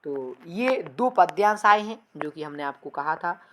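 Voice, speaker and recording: Teaching an exam-prep lesson on a poem, a woman reads lines slowly and loudly, then explains them more softly, addressing her students as dear children. Her voice is lowish and animated, with slight background noise.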